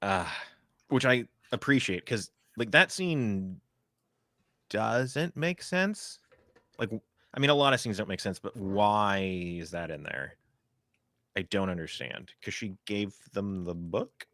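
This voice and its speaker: A man's voice: on the low side, animated, takes it slowly, a bit bright, no room sound. A man co-hosting a podcast, chatting casually about movies in a rambling way with many fillers. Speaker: podcast co-host. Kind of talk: casual film discussion.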